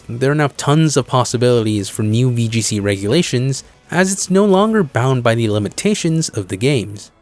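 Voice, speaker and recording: A man's voice: medium pitch, a little mellow, dry recording. A man presenting scripted video-essay commentary in an explanatory way, leaning on key phrases for emphasis. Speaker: video creator and host. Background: background music.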